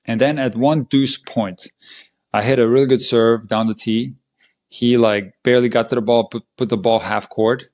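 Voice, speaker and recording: Man recounting a match, animated. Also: mid-range voice, moderate pace. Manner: animated, emphatic play-by-play retelling. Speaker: podcast guest, tennis coach. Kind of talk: conversational storytelling.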